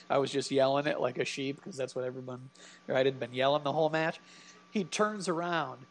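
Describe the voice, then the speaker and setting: A man co-hosting a podcast, chatting casually and telling rambling stories with laughs. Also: mid-range voice. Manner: rambling storyteller, laughs often. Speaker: podcast co-host. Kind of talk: casual chat.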